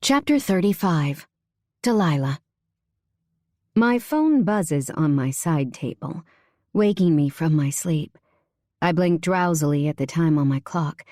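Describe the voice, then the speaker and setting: A woman narrating a romance audiobook in first person, her voice somewhat low and mellow. Her reading is soft and unhurried, and the studio recording sounds dry and close. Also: animated, dry recording.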